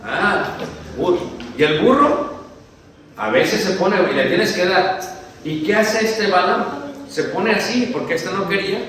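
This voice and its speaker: A male preacher who gives a lively sermon, jokes with the congregation, asks them questions and acts out the story. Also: high-pitched, a little slow, pauses often. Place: church hall. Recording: very echoey church hall, mic far off, faint noise.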